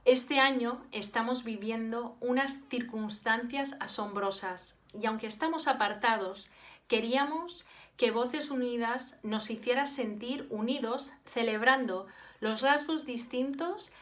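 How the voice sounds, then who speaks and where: A woman's voice: on the high side, unhurried. A woman from Spain with a Spanish accent, a teacher giving a formal address and thanking her staff. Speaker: Spanish and French teacher, program director.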